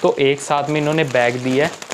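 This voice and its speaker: A man's voice: mid-range voice, fairly even intonation, a little fast, background noise. A young man chatting casually in a home unboxing vlog, often checking in with "okay" as he goes. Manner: chatty, keeps saying "theek hai". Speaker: vlogger.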